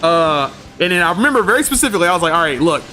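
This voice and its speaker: A man streaming a game, chatting casually and telling stories in animated slang, laughing often. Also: a little high, rapid-fire, a little hiss or hum. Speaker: gaming streamer. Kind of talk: casual livestream chat.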